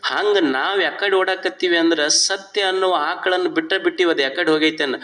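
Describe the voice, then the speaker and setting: A man with a North Karnataka Kannada accent delivering a sermon as a swami, telling stories and slipping English phrases into his talk. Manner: animated, swings from loud high stresses to low quiet asides. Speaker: swami giving a religious discourse. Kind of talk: sermon with storytelling.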